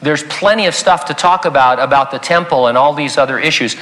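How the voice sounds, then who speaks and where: A man preaching a sermon with a bright, forceful voice that sits a little high for a man. He talks to the congregation in an easygoing, emphatic way, tossing in quick asides, and his words ring out with a long reverb from the church sanctuary. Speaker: pastor.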